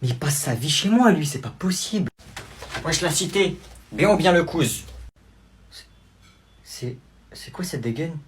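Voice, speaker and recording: A young man performing a comedy sketch, switching quickly between characters. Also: a little high, animated, slight background noise. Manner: playing many roles, quick switches.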